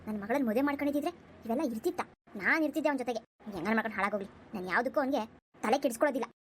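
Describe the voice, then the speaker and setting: A woman voicing a haughty middle-aged mother-in-law in a cartoon, sharp and lecturing. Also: fairly high pitch, rapid-fire, slight background noise, lightly acted. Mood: resentful. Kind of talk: cartoon voice acting.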